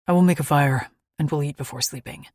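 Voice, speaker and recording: A woman's voice: low-pitched, fast, a little mellow. A woman voicing a stern, blunt male alien warrior who speaks in clipped, formal sentences. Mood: gruff, protective. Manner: clipped, formal speech without contractions.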